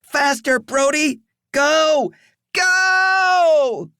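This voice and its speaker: A man reading the audiobook voices a panicked young woman, shrill and yelling in a car chase. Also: lively intonation, very slow, no echo, studio quality, exaggerated voice.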